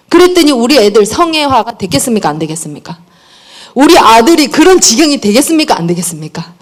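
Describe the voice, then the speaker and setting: A middle-aged woman giving a parenting lecture, telling personal stories in an animated way and acting out the dialogue. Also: a little high.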